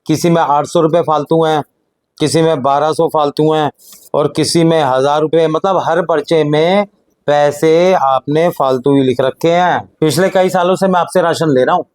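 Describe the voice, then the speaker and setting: A middle-aged man acting as an elder brother and husband in a family drama, speaking in a calm, reasoning way that sometimes sinks quiet. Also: on the high side, moderate pace, close to an everyday voice.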